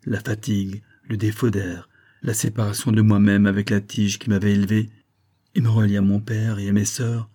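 A man reading a classic short story aloud as an audiobook, in a measured storytelling manner. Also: lowish voice, little pitch movement, dark tone. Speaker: audiobook reader. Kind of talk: scripted literary narration.

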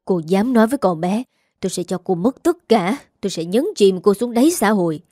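A woman's voice: mid-range voice, normal speed, mellow, no room sound, clean studio sound, natural voice. A woman voicing a stern older matriarch. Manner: severe, commanding.

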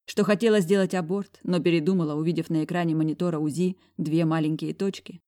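A woman reading a first-person novel aloud, expressive with sharp retorts. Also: deep voice, quick pace. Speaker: audiobook narrator.

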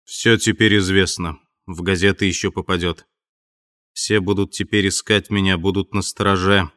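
A man's voice: sits low, level tone, moderate pace, fairly bright tone, dry recording, studio quality. A man voicing a menacing invisible man who gives curt, threatening commands, in an audiobook.

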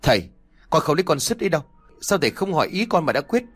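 A man's voice: medium pitch, big pitch swings, fast, faint music behind. A man voicing a cowardly young village man who pleads and argues with his parents. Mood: defiant. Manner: whiny, pleading.

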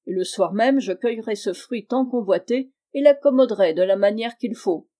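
A woman's voice: medium pitch, normal speed, dark tone, close to an everyday voice. A woman reading the lines of a cunning male sorcerer who sermonizes in a lofty, wordy manner, in an audiobook of a classic tale. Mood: scheming.

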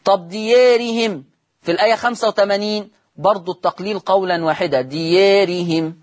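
Husky, high-voiced Egyptian man teaching. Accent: Egyptian Arabic. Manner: explains slowly, drawing out recited words and quizzing listeners. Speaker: Quran recitation teacher. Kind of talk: broadcast religious lesson.

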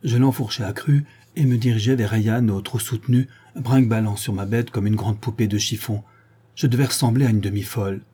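Low, husky male narrator. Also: steady tone, fairly quick, mellow. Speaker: audiobook narrator. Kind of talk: scripted narration.

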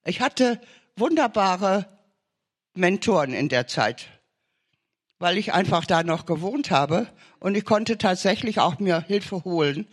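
A man's voice: sits high, husky. A man preaching an urgent sermon testimony, pressing listeners with emphatic, repeated short commands.

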